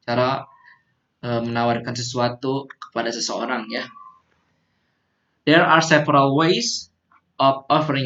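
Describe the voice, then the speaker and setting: A man's voice: medium pitch, fairly bright tone. A man teaching English phrases, patiently repeating them for students to drill. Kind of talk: classroom teaching simulation. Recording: muffled lo-fi recording.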